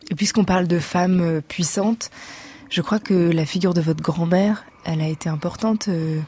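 A woman hosting a radio interview, asking long questions with pauses. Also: on the low side, fairly even intonation, darkish tone, breathy edge. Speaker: radio host.

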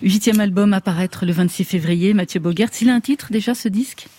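A male radio host with a mellow, warm tone. He introduces guests and asks questions briskly. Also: high voice. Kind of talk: radio interview hosting.

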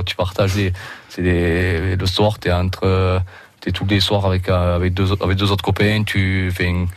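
A low-pitched man in his thirties with a Roussillon French accent, a rugby league player, chats casually as a radio guest. His speech is hesitant and full of restarts.

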